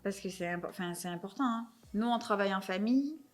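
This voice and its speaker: A young adult woman from France, hosting a podcast in relaxed, talkative conversation with a guest. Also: medium pitch, fast. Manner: chatty, self-described chatterbox. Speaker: podcast host. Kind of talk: casual chat.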